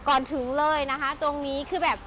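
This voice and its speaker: A woman's voice: sits high, fairly even intonation, fast talker, fairly bright tone. A woman presenting a chatty sales walkaround as a shop host, with gushing, enthusiastic patter. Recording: noisy handheld recording with vehicle sounds.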